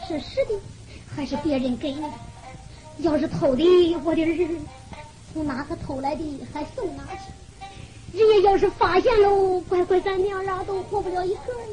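A woman's voice: very high voice, a little mellow. A woman voicing a poor, blind, elderly mother who frets and weeps, speaking with a Henan accent in a sobbing, sing-song storytelling manner.

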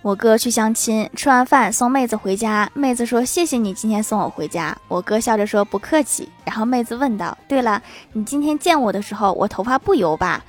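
A woman's voice: a little high, a little fast, hardly any pauses. Woman telling funny anecdotes over music. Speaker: comedic storyteller. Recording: music bed underneath.

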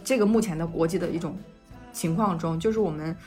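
A young woman from China co-hosting a casual podcast, telling stories in a rapid flow with frequent restarts. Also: lowish voice, a little mellow, faint music behind. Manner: rapid storytelling with restarts and quoted dialogue. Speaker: podcast co-host. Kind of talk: casual conversational podcast chat.

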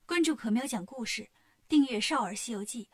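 A woman storyteller narrating a children's tale in a lively, expressive manner. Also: on the high side, brisk, breathy edge.

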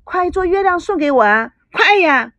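A spoiled teenage girl whines and insists in a high, pleading voice, as a woman reader puts her on. Her pitch jumps around as she demands her way. The booth is dry and close. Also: lively intonation, unhurried, fairly bright tone, dry recording, exaggerated voice. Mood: petulant.

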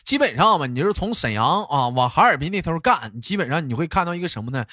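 A man with a Northeastern Mandarin accent hosting a comedy show, telling jokes in a lively, bantering way. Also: a little high, fast talker, dry recording, studio quality. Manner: lively, bantering, breaks into laughter. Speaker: comedy podcast host. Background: background music.

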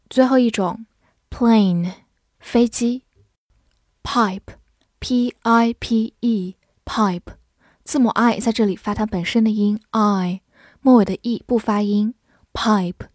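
A woman teaching English vocabulary, who spells out words letter by letter and reads example sentences slowly. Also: mid-range voice, darkish tone, dry recording, clean studio sound. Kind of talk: vocabulary lesson.

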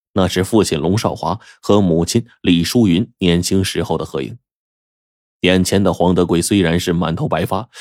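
Male oral storyteller, low and lively, talks straight to the listener, dry close recording. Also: no echo. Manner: lively, chatty, addresses listeners with asides.

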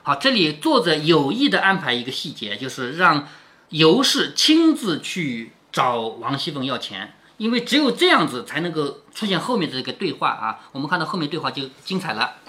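A man's voice: fairly high pitch, sing-song, normal speed, bright, forceful tone. A man reading a classic novel aloud to his daughter and explaining it, often asking "isn't it?". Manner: keeps asking rhetorical "isn't it?".

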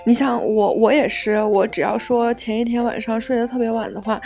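A woman in her twenties co-hosting a podcast, chatting casually and telling stories with lively acted-out voices. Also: a little high, fairly quick, faint music behind. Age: 20s. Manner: lively storyteller, acts out the people in her stories. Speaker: podcast co-host. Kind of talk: casual chat.

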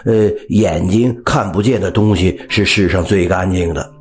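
A man voicing a simple-minded, good-natured young husband who talks in a slow, guileless, chuckling way. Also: low-pitched, faint music behind, natural voice.

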